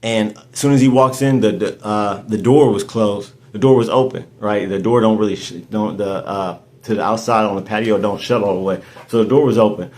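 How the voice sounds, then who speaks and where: A podcast host in his 30s speaks a bit quickly in a lowish, darkish voice, barely pausing as he tells a story. The chat is casual, and he wanders off track and restarts his words frequently.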